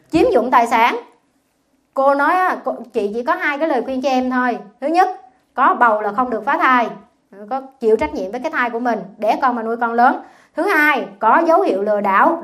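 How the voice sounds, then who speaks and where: Buddhist nun, middle-aged woman, high voice, lively scolding sermon, chatty storytelling. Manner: animated, scolding, colloquial storytelling. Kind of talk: dharma talk.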